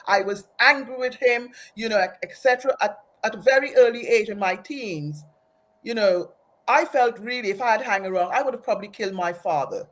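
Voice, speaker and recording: In a mid-range voice, this interview guest, a woman born in Aruba and raised in Trinidad, relates her personal story. She is earnest and reflective, and her phrases are often restarted.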